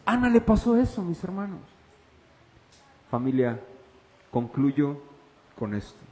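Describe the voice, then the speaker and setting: Pastor guy preaching, asks the crowd questions, goes loud then hushed, kinda high voice. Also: sing-song, slow pace, long reverb tail, low-quality recording. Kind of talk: sermon. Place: church.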